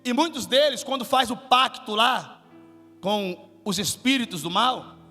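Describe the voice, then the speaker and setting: A high-pitched man delivers a sermon in a church hall, his tone bright and sharp. He questions the congregation and swells to shouts. Long reverb and faint music linger behind him. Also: animated, unhurried. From Salvador, Brazil. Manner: asks the congregation questions, builds to shouted climaxes. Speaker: guest pastor.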